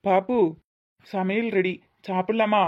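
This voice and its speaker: A woman's voice: medium pitch, fairly even intonation, lightly acted. Woman doing a fretful, clueless young husband. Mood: worried, fussing. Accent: Tirunelveli Tamil. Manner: fretful, rapid worried questions. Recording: slightly muffled lo-fi audio.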